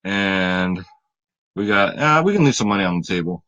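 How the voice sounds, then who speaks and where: A man's voice: sits low, expressive, normal speed, bright, forceful tone, lo-fi sound. Chatty tired man hosting sports picks. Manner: chatty, hype-building, talks straight to viewers. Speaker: fantasy sports picks host. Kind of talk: casual video commentary.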